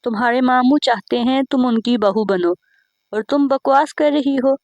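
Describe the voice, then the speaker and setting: A woman's voice: sits high, normal speed, a little mellow, no room sound, muffled recording. A woman voicing a strict middle-aged mother who scolds her daughter. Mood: scolding.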